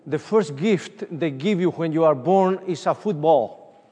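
A middle-aged evangelist from Uruguay delivers a conference sermon with personal stories in Spanish-accented English, his husky voice sitting a little high for a man. He tells them in an animated way, often pausing on "uh." A distant room microphone captures long reverb from a large hall.

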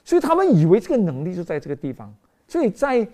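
Lively woman preaching a sermon. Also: medium pitch, fast talker. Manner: animated, acts out voices, mixes in English phrases. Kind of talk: sermon storytelling.

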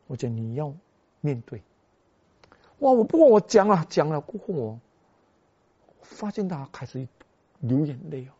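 A man preaching a sermon as a pastor, telling a story with animated delivery that swings between soft and loud. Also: on the high side, slightly rough. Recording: dull lo-fi recording.

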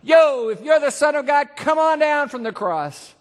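A man's voice: very high voice, lively intonation, moderate pace, voice pushed up. A man voicing a jeering male passerby who taunts a crucified man, in a sneering manner. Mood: mocking. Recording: long hall reverb.

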